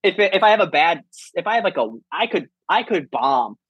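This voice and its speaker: A man's voice: high voice, very animated, moderate pace, husky, no room sound, muffled recording. A man in his twenties, a comedian and military veteran, talking casually and rambling with many restarts and free swearing. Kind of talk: casual podcast conversation.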